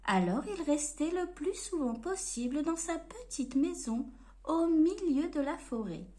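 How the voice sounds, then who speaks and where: A woman reading a storybook aloud to children in an expressive, playful way. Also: high-pitched, measured pace.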